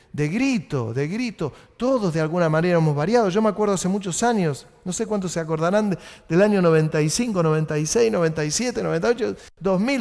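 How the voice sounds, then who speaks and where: A man, a pastor with an Argentine Rioplatense accent, preaching a sermon that swings between raised urgent exhortation and low quiet asides. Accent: Rioplatense Spanish. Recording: long church reverb.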